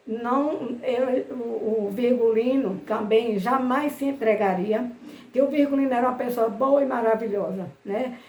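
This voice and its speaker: A woman with a Brazilian Portuguese accent giving a history talk, pausing often with fillers and restarting her sentences. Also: on the high side, mellow, echoey room. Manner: hesitant, many fillers and restarts. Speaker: history commentator.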